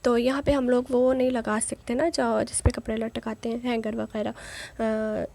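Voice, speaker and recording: A woman's voice: a little high, little pitch movement, a little slow, vocal fry, a little mellow. A young woman, narrating a casual home vlog in a chatty, rambling way with many fillers. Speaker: vlogger.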